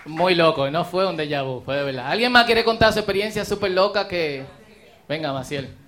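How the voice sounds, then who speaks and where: A man's voice: a little high, expressive, brisk, fairly bright tone, slight background noise. A man leading a church sharing time, inviting people up with jokey, encouraging asides. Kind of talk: casual hosting in church.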